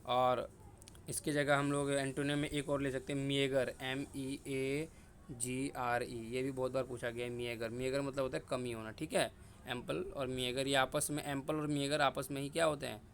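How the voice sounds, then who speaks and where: A man's voice: medium pitch, flat delivery, moderate pace, slight background noise. A young man teaching an exam-prep vocabulary lesson, repeating each word and quizzing himself aloud. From India. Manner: repetitive, drilling words and asking himself questions. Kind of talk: casual Hindi vocabulary lesson with memory tricks.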